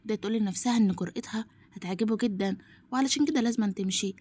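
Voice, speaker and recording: A woman's voice: medium pitch, very fast, mellow, slightly rough, dry recording. A woman with an Egyptian accent recapping a drama plot in run-on storytelling. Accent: Egyptian Arabic. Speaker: narrator.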